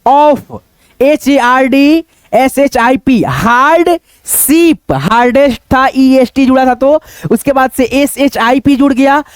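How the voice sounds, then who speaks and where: A woman's voice: high-pitched, slow pace, smooth, no echo, clean studio sound. A woman teaching beginners to read, spelling each word letter by letter, then repeating it, asking her own questions and answering them. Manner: patient, repetitive, asks and answers own questions. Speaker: English teacher. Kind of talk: beginner reading lesson.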